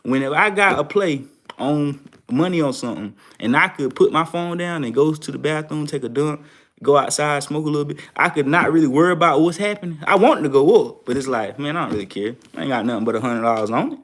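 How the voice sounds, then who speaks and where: A man's voice: a little high, quick pace, a bit bright. A young man hosting a trading show, talking casually and repeating phrases for emphasis. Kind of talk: casual advice talk to viewers.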